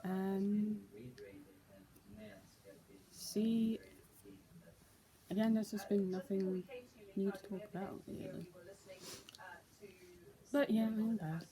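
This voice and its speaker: A young woman vlogs casually indoors in daylight, recording on a tablet's built-in mic. She rambles very slowly with long pauses and plenty of "so, yeah" fillers, her mid-range voice steady and mellow, in a rough recording.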